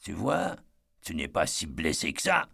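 Man putting on a gruff drunken old father. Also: medium pitch, lively intonation, normal speed. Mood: growling. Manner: gruff, shouting and slurring when angry. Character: harsh drunken old father, bitter and violent.

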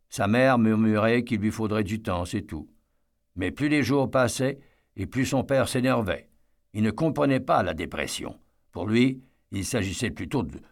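A man reading a novel aloud as a narrator, in a measured, steady storytelling manner. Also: fairly low pitch. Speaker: audiobook narrator. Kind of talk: scripted narration.

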